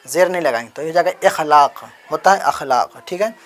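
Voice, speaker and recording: A man's voice: a little high, expressive, fairly quick. A man with a slightly raised voice teaches handwriting in a patient, repetitive way. He spells out each letter in turn and keeps asking questions that he then answers himself. He speaks close to the mic as he writes. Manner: spells out letters one at a time. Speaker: Urdu writing teacher. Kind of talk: explanatory handwriting lesson.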